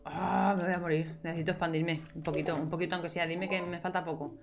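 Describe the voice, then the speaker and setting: A woman's voice: fairly low pitch, little pitch movement, fast talker, vocal fry. Chatty young woman gaming. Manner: chatty, talks to herself and viewers, playful exclamations. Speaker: gameplay streamer. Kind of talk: casual gameplay commentary.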